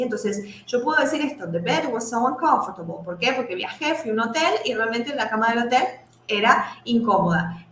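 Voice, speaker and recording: A woman gives an English lesson, her voice bright and her pitch moving a lot. She explains step by step and checks in with the class after every point. The room sounds echoey, with faint noise behind her. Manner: explains slowly, asks "¿sí?" after each point. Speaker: English teacher.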